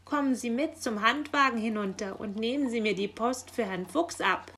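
Brief: a woman putting on an exasperated male raven postman, croaking at the end of lines, storybook tone. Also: fairly high pitch, normal speed, a bit bright, slight background noise.

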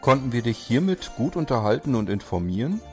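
A man reading a scripted podcast outro, steady, slowing to spell out contact details. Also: medium pitch, faint music behind. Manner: steady, spells out addresses slowly. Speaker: podcast announcer.

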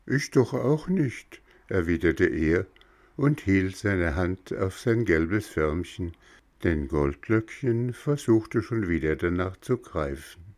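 Deep, slow, gravelly male storyteller. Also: lively intonation, a little mellow, no echo. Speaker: narrator. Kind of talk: storybook narration.

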